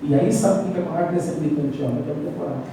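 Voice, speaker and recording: A man with a Brazilian Portuguese accent preaching a sermon and telling lively personal stories, acting out his own doubts. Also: on the high side, rapid-fire, a little hiss or hum. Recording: echoey hall, mic far off.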